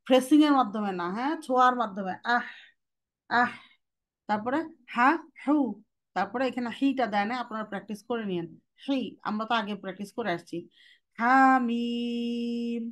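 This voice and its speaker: A woman teaching Quranic letter pronunciation in a class, casual and direct, drawing out sounds slowly to demonstrate them. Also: a little high, fairly bright tone. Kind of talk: online class instruction.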